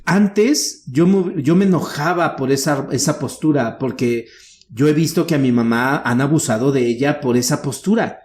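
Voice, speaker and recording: Frank and earnest, this middle-aged Mexican man talks through his own life in a relaxed conversational voice of ordinary pitch. He swears casually and keeps a steady, open tone as he explains himself. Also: moderate pace. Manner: frank and earnest, slips into acted quotes of relatives, casual swearing. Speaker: guest, workshop speaker. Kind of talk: candid conversational storytelling.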